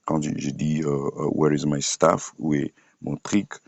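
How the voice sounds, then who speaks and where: A man with a very deep, low voice gives a phonics lesson at an unhurried, deliberate pace. He repeats each example word over and over, with frequent hesitation sounds. The sound is dry and close, with no room echo. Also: flat delivery, vocal fry, muffled recording. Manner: slow, repeats each word several times; many hesitation fillers. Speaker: English teacher. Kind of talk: screen-shared phonics lesson.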